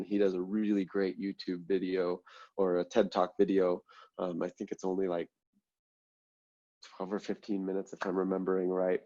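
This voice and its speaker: A mindfulness instructor leads an online class, walking through breathing steps in a relaxed way with lots of ums and "right?" check-ins. He sounds congested and a bit nasal, his voice is deep, and the highs are cut off.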